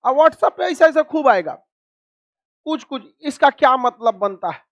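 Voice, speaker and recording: High-voiced scolding teacher. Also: male voice, lively intonation, a bit bright, no room sound, lo-fi sound. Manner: scolding, calls students donkeys; rapid drilling questions, repeats answers. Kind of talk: classroom map lesson.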